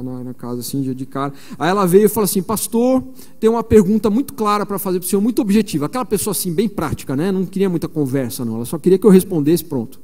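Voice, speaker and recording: A man's voice: high-pitched, dark tone. A man in his forties from São Paulo, preaching at a missionary conference in a chatty storytelling way, full of fillers. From São Paulo, Brazil. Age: 40s. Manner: conversational storytelling with frequent fillers. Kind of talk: conference sermon. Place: large church. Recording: long reverb of a large church hall.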